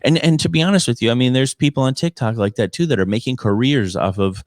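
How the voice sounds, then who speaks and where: A male comedian rants casually, sounding exasperated and emphatic and often repeating himself. His mid-range voice moves fast, recorded in clean studio sound with no echo.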